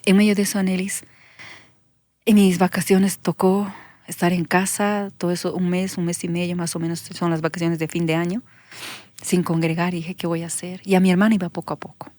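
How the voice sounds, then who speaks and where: A woman pastor, giving an earnest testimony that sinks into soft whispers when she recalls her prayers. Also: on the low side, little pitch movement, fairly quick, dry recording. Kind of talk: emotional testimony in conversation.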